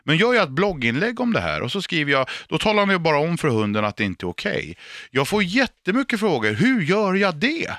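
A man's voice: on the high side, very animated, fairly bright tone, dry recording, clean studio sound. A man hosting a casual chat, asking questions and passing on questions from listeners. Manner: inquisitive, relays listener questions. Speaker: podcast host.

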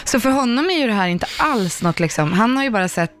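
A woman's voice: on the high side, soft background music. A woman who acts and does comedy, a guest on a radio show, telling stories in casual chat and laughing often. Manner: animated storyteller, laughs often.

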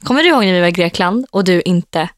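A woman's voice: lowish voice, lively intonation, no room sound, studio quality. Chatty young woman co-host. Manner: chatty, laughs at herself, loose and informal. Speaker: podcast co-host. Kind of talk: casual podcast chat.

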